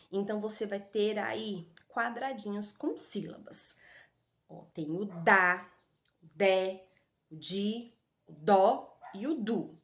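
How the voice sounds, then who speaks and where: A woman with a Brazilian Portuguese accent giving an online lesson to young children, sounding out syllables slowly in a sing-song, affectionate way. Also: mid-range voice. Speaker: primary school teacher. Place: home recording with street dogs barking outside.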